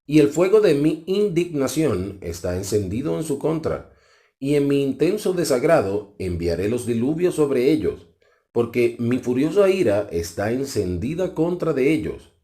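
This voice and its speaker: A man reading as a solemn, wrathful ancient god. The voice is dark and mellow and swings widely in pitch. The delivery is a slow, measured scriptural declamation. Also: big pitch swings, lightly acted. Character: solemn ancient male deity, wrathful and grave.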